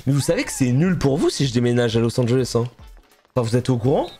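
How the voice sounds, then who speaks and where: A man's voice: mid-range voice, sing-song, fast, mellow, soft background music. A young man from France chatting casually on a live stream while playing a game, telling stories and laughing often.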